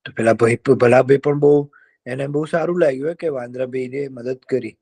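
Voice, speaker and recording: Chatty man with a gravelly voice. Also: medium pitch, brisk. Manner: folksy and chatty, fillers, lively voices for characters. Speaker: children's storyteller. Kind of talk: telling a folk tale to children.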